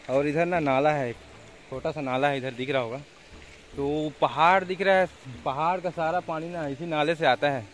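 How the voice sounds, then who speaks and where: Out in a rural Indian village, a young vlogger with a Chhattisgarhi accent speaks casually into his phone camera held at arm's length. His pitch is fairly high, and a bit of background noise comes through.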